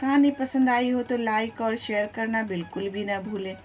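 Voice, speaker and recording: A woman's voice: on the high side, moderate pace. A woman storyteller reading out a moral tale and giving each villager a voice of her own. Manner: voices every villager in turn. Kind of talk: scripted story narration.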